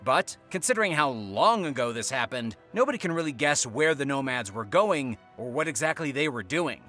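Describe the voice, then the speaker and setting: Bright, lively male countdown narrator. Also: medium pitch, moderate pace, soft background music. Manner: dramatic, teasing rhetorical questions. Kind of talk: scripted documentary narration.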